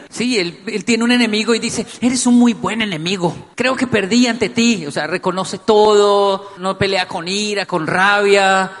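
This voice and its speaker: A middle-aged man giving a playful, joking talk to an audience, telling animated stories. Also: high-pitched, big-room sound. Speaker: speaker addressing an audience. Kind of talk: humorous talk to a live audience.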